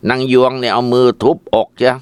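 Man narrating a ghost story, smooth voice. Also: mid-range voice, flat delivery, fast talker, a little mellow, no room sound.

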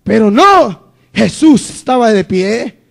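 Man, preacher, very high voice, dramatic sermon, hushed to shouting. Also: big pitch swings, slow pace, creaky.

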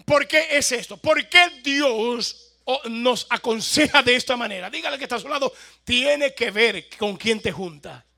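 A man's voice: very high voice, measured pace, sharp tone. A pastor from El Salvador with a Salvadoran accent, preaching a sermon and questioning his congregation, with amens in between.

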